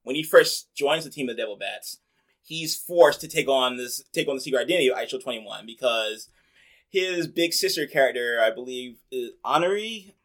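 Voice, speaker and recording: A man hosting a casual chat, rambling along in a relaxed way and filling his sentences with "like". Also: mid-range voice, normal speed. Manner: chatty, rambling, many "like" fillers.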